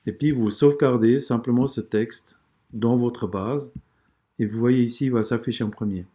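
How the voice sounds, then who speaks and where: A man with an accent walking through a software tool step by step, with frequent fillers and restarts. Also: mid-range voice, fairly even intonation, normal speed. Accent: non-native or regional French accent. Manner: explanatory, hesitant, many fillers and restarts. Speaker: software tutorial presenter. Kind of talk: screen-recorded software tutorial.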